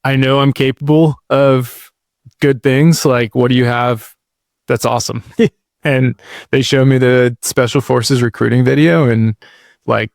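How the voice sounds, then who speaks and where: This thirties-aged podcast guest speaks unhurriedly in a creaky, medium-pitched voice with fairly even intonation. Laid-back and rambling, he tells his life story in a casual interview, full of "dude" and "like," with clean studio sound and no echo.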